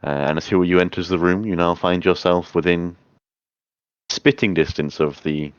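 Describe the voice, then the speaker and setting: A man's voice: deep voice, fairly even intonation, normal speed, clear, resonant tone, no echo, highs cut off. A man running a tabletop game as game master, narrating and chatting in an informal, sweary way.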